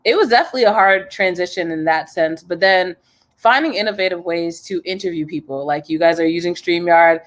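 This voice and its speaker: Young woman from jersey, chatty and upbeat, lowish voice, on a video call. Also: fairly quick. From New Jersey, USA. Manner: upbeat, chatty, laughs often. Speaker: guest, news journalist. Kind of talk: casual interview over video call.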